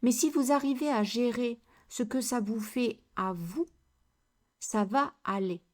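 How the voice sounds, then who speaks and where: A woman coach giving a slow, deliberate educational talk on handling conflict, with many rhetorical questions. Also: on the high side, darkish tone.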